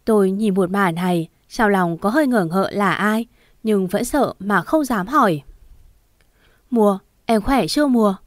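A woman narrating a first-person story in a steady, measured way. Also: mid-range voice, no room sound, studio quality.

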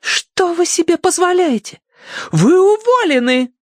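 A man's voice: lively intonation, normal speed, no room sound, clean studio sound. A man voicing a haughty, imperious young rich lady who scolds and commands her servant. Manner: shrill, commanding, indignant.

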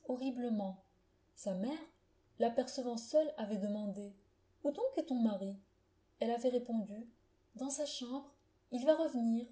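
A woman reads a classic short story aloud in a measured, solemn manner. Her pitch sits a little high, yet the tone is very dark and mellow. The delivery stays steady and literary. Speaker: narrator. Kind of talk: literary audiobook reading.

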